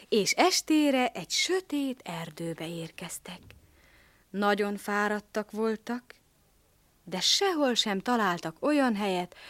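A woman's voice: mid-range voice, fairly bright tone, no echo. A woman narrating a storybook tale expressively, sometimes dropping to a whisper.

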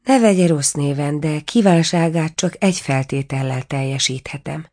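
A woman's voice: deep voice, a little mellow. A woman voicing a sorrowful princess turned into an owl in a storybook reading, plaintive and pleading.

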